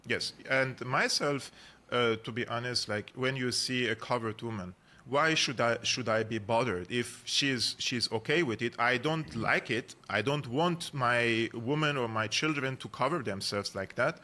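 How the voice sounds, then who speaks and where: A man's voice: medium pitch, unhurried, bright, forceful tone. An earnest man with a Syrian Armenian accent, a journalist and analyst speaking as a guest in a podcast interview, with frequent fillers and restarts.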